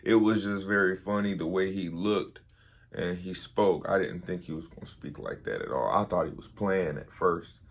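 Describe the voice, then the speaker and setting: A man's voice: deep voice, moderate pace. A tired young man, telling an army story in a casual, rambling way with many fillers. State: tired, early morning. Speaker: vlogger, army veteran.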